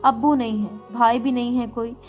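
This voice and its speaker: A soft-spoken young woman, devout and weighed down by sorrow, as a female storyteller voices her. She speaks quietly in a slightly high register, a gentle storybook figure. Faint music plays underneath. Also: steady tone, moderate pace, natural voice. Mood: wistful.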